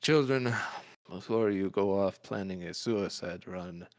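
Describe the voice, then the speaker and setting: A man voicing a stern, disdainful authority figure in a tabletop game, booming and pompous as he lectures. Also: a little slow, no echo. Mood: grave, condescending.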